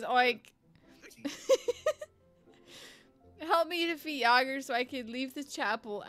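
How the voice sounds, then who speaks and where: A woman's voice: high-pitched, a bit bright, voice pushed up. A woman voicing a frightened male pig priest as she reads game text aloud. She breaks in with oinks between pleading words.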